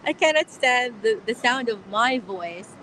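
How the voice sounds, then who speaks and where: A woman's voice: a little high, animated, slow, sharp tone, a little hiss or hum, poor audio. A young woman hosting a casual live question-and-answer stream outdoors, chatty, with frequent laughs and fillers. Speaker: livestream host. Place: outdoors on a platform.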